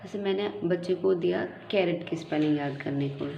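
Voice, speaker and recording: A woman teacher explaining to parents how to teach a child spelling, slowly sounding words out letter by letter. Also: on the low side, vocal fry. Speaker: teacher and channel host. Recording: muffled, echoey room with faint hiss.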